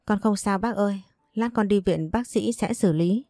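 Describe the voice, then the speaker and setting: A woman's voice: mid-range voice, moderate pace, dark tone, no echo, studio quality, lightly acted. A woman voicing a scheming young woman who sweet-talks with false concern. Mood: pained.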